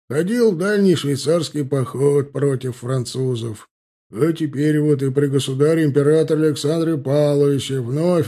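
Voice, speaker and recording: Man doing a booming, pompous old general, mellow dark tone. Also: close to an everyday voice. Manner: booming, speechifying. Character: pompous older male general, regiment chief.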